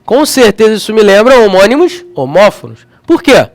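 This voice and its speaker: A man's voice: sits high, sing-song, normal speed, dry recording. A man with a Rio de Janeiro accent teaching a grammar lesson, chatty and checking in with his students often. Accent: Rio de Janeiro Portuguese. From Rio de Janeiro, Brazil. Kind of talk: lively classroom lesson.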